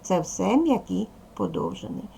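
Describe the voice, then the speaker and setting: A woman teacher with a Ukrainian accent, giving a slow and clear lesson to young pupils and spelling out sounds one by one. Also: mid-range voice, very animated, mellow. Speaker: primary school teacher. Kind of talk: slow, clear classroom instruction.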